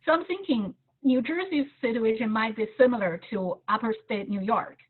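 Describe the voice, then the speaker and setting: A woman reporter asking a question at a press briefing over a video call, halting and searching for words. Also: a little high, breathy edge. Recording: tinny phone-like video call line.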